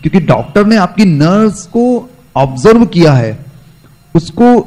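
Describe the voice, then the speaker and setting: Man teaching a spoken English lesson; a bit high, slow and deliberate on examples. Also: very animated, dark tone, low-quality recording. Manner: slow, drawn-out English example sentences, quicker Hindi explanations; addresses viewers as friends.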